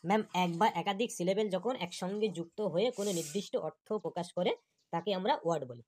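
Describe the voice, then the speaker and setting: A woman's voice: lowish voice, fast talker, darkish tone, close to an everyday voice. A woman voicing a diligent young schoolboy in a cartoon class, rattling off definitions for his teacher. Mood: dutiful.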